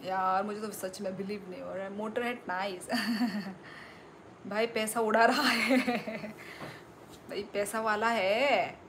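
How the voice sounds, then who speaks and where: A woman's voice: mid-range voice, fairly even intonation, slow pace, fairly bright tone, a little hiss or hum. A woman hosting a live stream, chatting casually and reading out viewer messages with frequent exclamations. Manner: reads out viewer messages and super chats, often exclaims. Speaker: livestream host.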